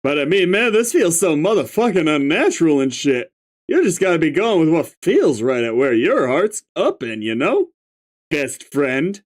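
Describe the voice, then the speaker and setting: Lightly acted at medium pitch and normal speed, with big swings in intonation, this is a reader doing a webcomic's young male stoner clown troll. The slurred, clownish drawl, lazy cursing and wonder at everything all convey lazy awe.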